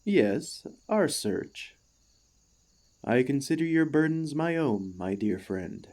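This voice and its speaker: A man plays an earnest, devoted warforged ex-gladiator for ASMR roleplay, speaking slowly in a sing-song, medium-pitched voice. His phrasing toward the listener is formal, courteous, and gently hesitant, and he sounds warm and tentative.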